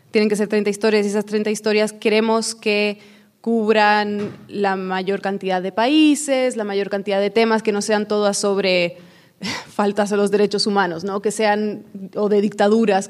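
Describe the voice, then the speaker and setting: A woman who makes a weekly podcast, explaining in a casual, thoughtful way how the episodes are chosen, with some pauses and fillers. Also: medium pitch. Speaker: podcast producer. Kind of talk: casual conversation.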